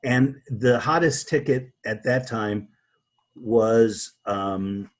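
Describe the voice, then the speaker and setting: A man being interviewed as a guest, talking in a halting way with many restarts and repeated words. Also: medium pitch. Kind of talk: conversational interview.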